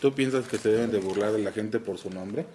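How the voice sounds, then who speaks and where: A woman's voice: a bass voice, a little fast, dark tone. A woman hosting a podcast, patiently asking children about a storybook and often ending with a tag question. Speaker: host of a children's book podcast. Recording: roomy echo with faint noise.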